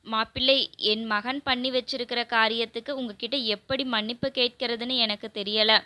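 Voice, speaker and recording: A woman's voice: on the high side, fairly even intonation, normal speed, bright, forceful tone. A woman voicing an angry, ashamed father who speaks harshly. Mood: angry shame.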